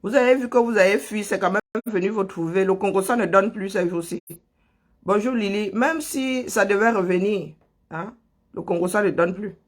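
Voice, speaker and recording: A man from Cameroon hosting a live stream, greeting viewers by name and ranting sarcastically about politics. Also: high-pitched. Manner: sarcastic, laughs often. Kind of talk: casual live stream commentary.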